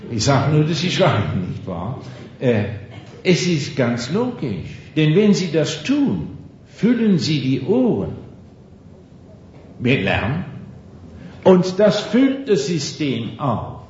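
A man's voice: medium pitch, a little mellow, very echoey, highs cut off, a little hiss or hum. A man preaching a sermon, telling a homely anecdote in a folksy way and often tagging on questions to his listeners. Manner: storytelling, folksy, asks the audience questions; tag question "nicht wahr" again and again.

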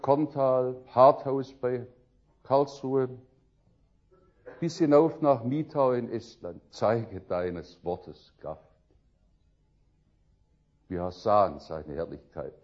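An older man preaching a sermon, telling stories with lively swings between loud outbursts and quiet musing. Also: mid-range voice, highs cut off.

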